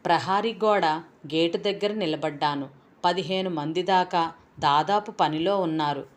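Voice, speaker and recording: Woman with a low voice reading a novel. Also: darkish tone. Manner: measured, emotive storytelling. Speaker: audiobook narrator.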